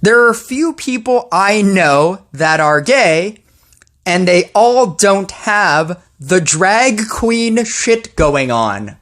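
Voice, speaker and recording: A woman's voice: mid-range voice, lively intonation, very slow. A woman posting a ranting commentary video about a mobile game, sarcastic and exasperated.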